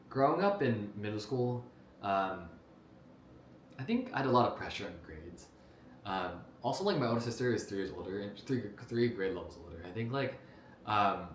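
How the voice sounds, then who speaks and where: A young man from New Jersey talks into a camera in a loose, rambling way, full of fillers and restarts. His voice sits very low. The room rings with echo, and a faint hiss lies underneath. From New Jersey, United States. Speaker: vlogger. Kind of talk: casual talk to camera about his life. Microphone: camera mic.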